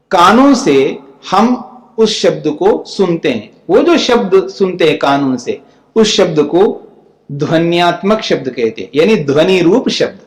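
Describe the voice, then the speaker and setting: A man, a spiritual teacher, giving a scripture commentary lecture; he reads Sanskrit lines, then explains each in plain speech and keeps checking that his listeners follow. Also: sits high. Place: ashram lecture hall. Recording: echoey hall with long reverb.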